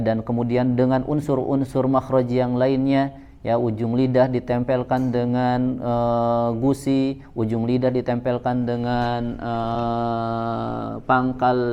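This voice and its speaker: A man leads a congregation through a Quranic recitation lesson, speaking in measured fashion and adding a soft "ya" to almost every phrase. His medium-pitched voice is smooth and flat, and the audio is dull.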